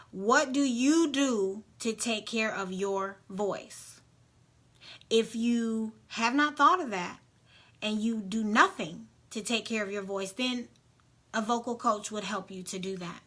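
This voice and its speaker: A woman's voice: medium pitch, bright, forceful tone. A young woman who works as a vocal coach, talking casually to the camera in a chatty, rambling way, full of restarts and fillers.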